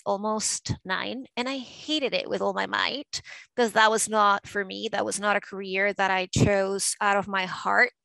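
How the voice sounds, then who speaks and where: A woman's voice: mid-range voice, gravelly, bright, forceful tone, smooth, dry recording, rough recording. A woman in her forties from Venezuela, an art advisor talking fluently and emphatically as a podcast guest. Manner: fluent, emphatic, with frequent fillers. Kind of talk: conversational interview.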